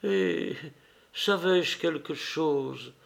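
A man's voice: fairly high pitch, big pitch swings, drawn-out words, gravelly, full character voice. A man reading the part of a devoted, fearful young Greek woman in an audiobook, in a pleading, tender manner.

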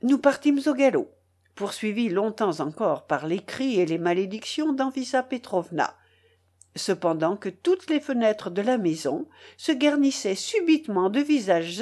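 A woman narrating a classic novel as an audiobook, in an expressive, dramatic reading. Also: medium pitch, unhurried. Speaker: audiobook reader. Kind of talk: literary narration.

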